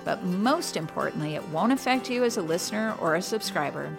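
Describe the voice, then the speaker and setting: A woman hosting a podcast, giving scripted narration in a measured, upbeat way. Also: on the low side, expressive, vocal fry. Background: soft guitar music.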